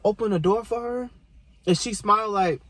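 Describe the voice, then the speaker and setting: A young man in a casual, profane reaction rant about a TV show, animated and talking straight to its characters. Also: high-pitched, normal speed.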